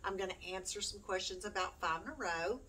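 Talking fairly quickly in a mid-range, pushed and bright voice, a middle-aged woman rambles casually to camera and makes fun of herself. She homeschools her kids and hosts a YouTube channel, filming in a small room at home. The mic is distant and the room is noisy.

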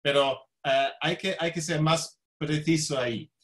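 Halting foreign-accented male academic speaker. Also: a little high, fairly bright tone. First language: not Spanish. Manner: halting, searching for words with frequent hesitations. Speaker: law professor, visiting lecturer. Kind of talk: academic talk.

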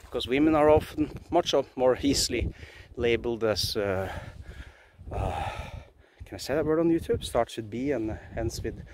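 A man's voice: medium pitch, lively intonation, normal speed, background noise. Norwegian man talking earnestly outdoors. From Norway. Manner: earnest, emphatic, with frequent restarts. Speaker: vlogger. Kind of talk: casual philosophical monologue. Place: outdoors in a pine forest. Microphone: phone at arm's length.

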